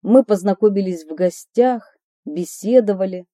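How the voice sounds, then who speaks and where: A woman's voice: mid-range voice, normal speed, dark tone, dry recording, clean studio sound. A woman reading her memoir aloud, telling the story expressively with a light ironic touch. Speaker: narrator of her own memoir.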